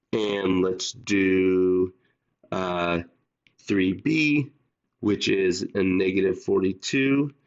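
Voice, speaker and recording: Low, gravelly male teacher, under the weather. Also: muffled recording. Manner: steady step-by-step explaining, talks to students directly. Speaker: math teacher. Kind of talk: recorded classroom math lesson.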